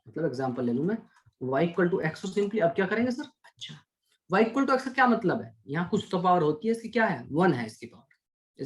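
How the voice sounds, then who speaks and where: A man teaching an online maths class, chatty and coaxing, asking questions and answering them himself for his students. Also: high voice. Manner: coaxing, calls students "beta".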